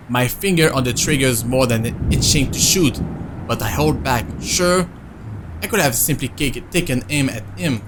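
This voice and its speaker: Male streamer, mid pitch, reading game text, chatty asides. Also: a bit bright, slight background noise. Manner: reads narration, breaks off to answer chat. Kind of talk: reading a visual novel aloud with casual chat.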